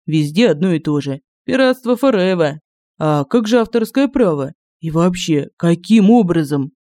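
A young male thief lays out plans in a decisive, businesslike way, voiced by a woman reading the story. The tone is mellow and dark, recorded dry and close. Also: lowish voice, expressive, moderate pace, no echo, close to an everyday voice. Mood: indignant. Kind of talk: audiobook character voice.

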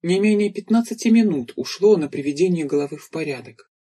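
A man reads an audiobook in steady, measured narration. His voice is husky and breathy and sits somewhat high for a man. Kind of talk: scripted narration.

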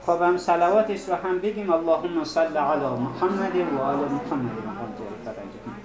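A man's voice: on the high side, crowd noise. Man teaching recitation in an echoey classroom. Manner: slow, deliberate, repeats words to correct pronunciation. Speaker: Arabic teacher. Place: seminary classroom. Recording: roomy classroom echo.

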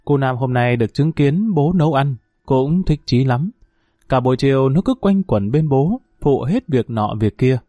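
A man narrating a story in a steady, measured audiobook style. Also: mid-range voice, no echo, dull audio.

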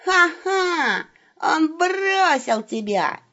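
A woman voicing a cunning, excitable male wolf who hisses and gloats, in an audiobook reading. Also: very high-pitched, very slow, highs cut off, voice pushed up, full character voice. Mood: fake robber screech. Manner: hissing, hammy, gloating.

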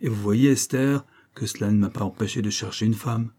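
A man's voice: on the low side, brisk, mellow, natural voice. A man playing a bluff, teasing father. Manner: jovial, teasing.

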